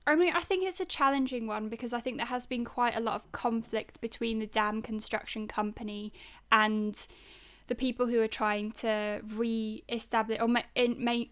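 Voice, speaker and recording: A woman's voice: a little high, fairly bright tone. Earnest woman, podcast co-host. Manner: earnest and engaged, explains with concern. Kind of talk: conversational podcast discussion.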